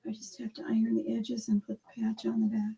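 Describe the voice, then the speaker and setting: Host's mom talking soft in the background, raspy gravelly voice. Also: female voice, a little high, completely flat delivery, fast talker. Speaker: host's mother.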